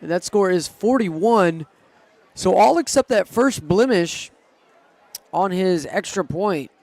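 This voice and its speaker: A man's voice: high voice, expressive, slow pace, darkish tone. A man doing live play-by-play commentary on a school football game, eager and groaning when plays go wrong. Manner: eager, pleads with referees, groans at setbacks.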